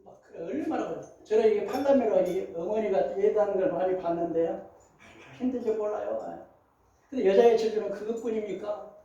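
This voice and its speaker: A man in his sixties preaching a lively sermon, switching between loud and soft. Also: sits high, fairly quick, dull audio. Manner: animated preaching with acted quotes, shifting loud and soft. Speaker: pastor. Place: large church sanctuary. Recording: roomy echo, voice from far off.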